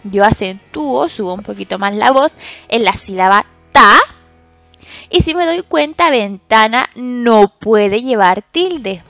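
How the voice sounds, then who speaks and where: Patient woman teaching children, lively voice. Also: fairly high pitch, no room sound. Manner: slow, patient, stresses syllables loudly and drawn out when giving example words. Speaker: special education teacher. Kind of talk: recorded lesson for children.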